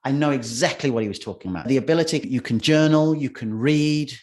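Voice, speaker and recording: A man's voice: medium pitch, fast talker, a little mellow. A middle-aged man, a guest in a casual interview, telling rambling anecdotes with restarts and acting out quotes. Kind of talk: casual storytelling conversation.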